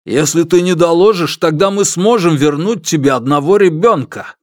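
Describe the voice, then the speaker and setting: A man voicing a calm, guarded middle-aged man who speaks in a measured, firm way. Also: on the high side, dry recording, studio quality, voice pushed up, close to an everyday voice.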